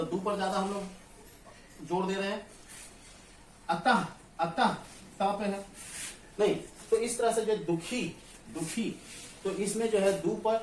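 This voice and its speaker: A man's voice: high-pitched, darkish tone. A man teaches grammar in a classroom and keeps asking the students whether they understand. His voice carries through an echoey room. He stands some distance from the mic, with a faint hum of ambience behind him. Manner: asks the class questions and answers them himself, often checks "clear?".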